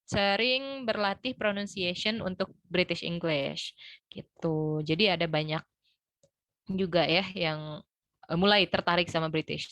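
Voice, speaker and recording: A young woman with a bright, lively voice runs an online English lesson. She explains things step by step and fills her pauses with short hesitations. The sound is dry and close. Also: fairly low pitch, no room sound. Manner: friendly, explains step by step with many fillers. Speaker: English tutor. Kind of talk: online class teaching.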